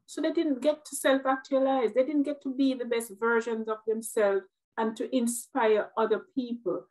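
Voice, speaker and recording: In an interview conversation, a middle-aged nurse from Jamaica reflects earnestly in her Jamaican accent, repeating words as she works through her thoughts. Her voice is on the high side with a darkish tone, fairly even intonation and normal speed, and the recording is rough.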